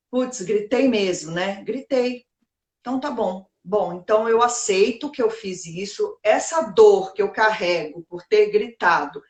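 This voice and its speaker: A woman's voice: medium pitch, roomy sound. A woman hosting a casual live self-help talk, reflective and prone to asking herself rhetorical questions. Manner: reflective, poses rhetorical questions and answers them.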